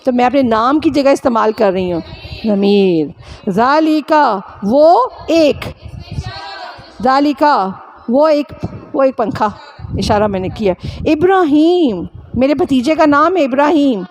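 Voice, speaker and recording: A high-pitched woman from Pakistan teaches a grammar class. She drills her students by repeating syllables again and again and keeps quizzing them with short, quick questions. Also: animated, darkish tone.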